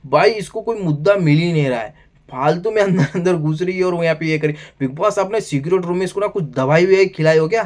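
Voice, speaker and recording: Excitable high-voiced man reviewing TV. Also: fast. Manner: excitable, addresses listener as "bhai" constantly. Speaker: TV show reviewer. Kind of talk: casual video review commentary.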